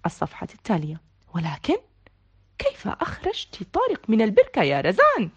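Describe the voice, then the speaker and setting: A woman reading a children's picture book aloud, with expressive delivery and page-turn cues. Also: medium pitch, brisk, slightly rough, muffled recording. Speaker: storyteller.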